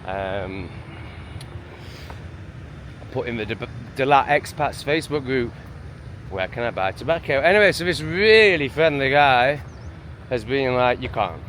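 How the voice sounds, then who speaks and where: A man's voice: mid-range voice, lively intonation, measured pace, pauses often, fairly bright tone, a little hiss or hum. A man with an English accent in a casual vlog rant, exasperated and sweary, rambling from one gripe to the next. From England. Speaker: vlogger. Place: home in a town, street sounds outside.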